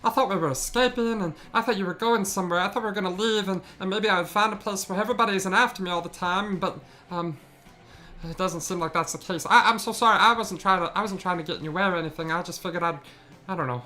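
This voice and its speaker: A game master voicing a scared, teary little male goblin who stammers in a high voice. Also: quick pace, pushed and bright, close to an everyday voice. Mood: frightened, apologetic. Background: faint background music.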